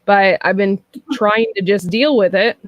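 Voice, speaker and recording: A woman's voice: mid-range voice, measured pace, dry recording, muffled recording. A woman in her thirties, hosting a casual chat, talking frankly and loosely with lots of fillers. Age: 30s. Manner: chatty and frank, with frequent laughs and fillers. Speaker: host.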